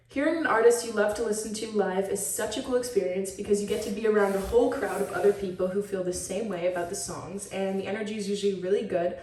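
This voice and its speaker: A teenage girl from Switzerland gives an upbeat show-and-tell presentation of a school project, chatty and talking a lot. Her voice is medium-pitched and mellow. The mic is at a distance, so there's a roomy echo.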